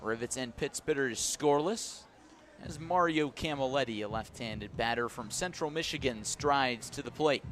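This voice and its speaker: A man calls baseball live on radio, his mid-range, fairly bright voice delivering clipped descriptive phrases at a moderate pace that rise with the action. Noisy outdoor ballpark ambience fills the background.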